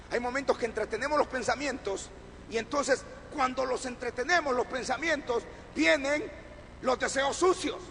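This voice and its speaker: Male preacher, very high bright voice, call-and-response sermon, echoey church hall with faint noise. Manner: call-and-response, asks the congregation to repeat; rhetorical questions, rising to shouts.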